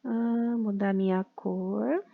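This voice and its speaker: A woman's voice: mid-range voice, steady tone, slow, gravelly, phone-quality sound. A young woman teacher with a Brazilian Portuguese accent, patiently sounding out syllables for young children in a recorded remote class. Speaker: primary school teacher.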